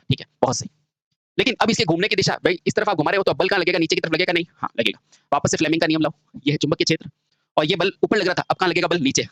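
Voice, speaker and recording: Rapid-fire male teacher quizzing students. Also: a little high, a bit bright, dry recording. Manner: constantly asks rhetorical questions, calls students "beta". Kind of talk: classroom-style lecture.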